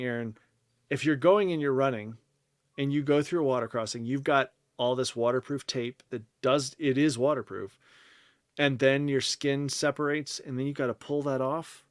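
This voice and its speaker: A man's voice: medium pitch, normal speed, dry recording, clean studio sound. A man co-hosting a podcast, chatting casually and explaining things at length with lots of fillers and restarts. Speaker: podcast co-host. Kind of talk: casual chat.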